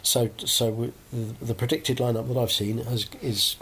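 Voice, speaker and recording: Male podcast host, mid-pitched, hedging and chatty, casual chat. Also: level tone, moderate pace, fairly bright tone, slight background noise. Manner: hedging, chatty, full of tag questions.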